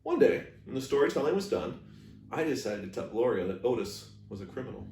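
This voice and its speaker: A man with a mid-pitched voice reads a storybook aloud as a library reader. He sounds a little far from the microphone, in a room with clear echo. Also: animated, brisk, a little mellow, slight background noise. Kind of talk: storybook read-aloud narration. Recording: echoey room, distant microphone.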